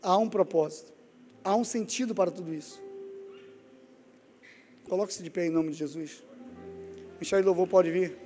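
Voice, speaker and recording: A man's voice: sits high, normal speed, long pauses, warm tone, soft background music. A man preaching a sermon with a Brazilian Portuguese accent, telling stories and calling on the congregation. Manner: storytelling, emotional, calls to the congregation. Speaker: evangelist preacher. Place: church sanctuary. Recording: long church hall reverb.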